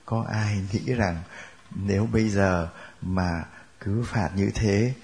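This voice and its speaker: A man's voice: lowish voice, fairly even intonation, slow, darkish tone. A man teaching a Bible class, joking and laughing with his students.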